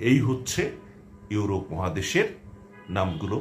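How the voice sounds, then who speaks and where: A low-pitched man with a lively, rising and falling voice gives a pronunciation lesson. He speaks in a clear, deliberate, carefully enunciated way, with faint music playing underneath. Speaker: presentation and pronunciation teacher.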